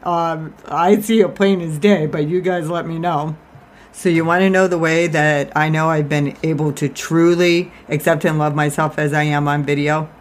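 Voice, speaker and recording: A woman's voice: low-pitched, steady tone, normal speed. A woman life coach giving an informal, confessional personal monologue, talking out of one side of her mouth with a self-deprecating manner. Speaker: life coach and podcast host.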